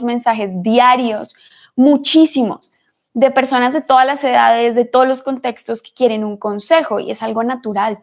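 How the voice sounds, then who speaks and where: High, gravelly-voiced woman. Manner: earnest, repeats phrases for emphasis. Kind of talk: reflective spiritual talk to camera.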